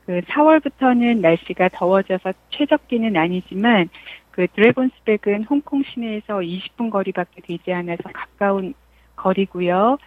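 A woman's voice: mid-range voice, expressive, moderate pace, dry recording. A woman correspondent phoning in to a radio show to give a polite, friendly travel report. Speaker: Hong Kong correspondent. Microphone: telephone. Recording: tinny, dry phone line.

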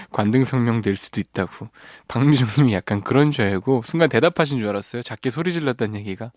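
A man's voice: medium pitch, brisk, darkish tone, dry recording. A man hosting a radio show in a studio, reading listener messages and teasing them playfully with frequent laughs. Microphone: studio microphone.

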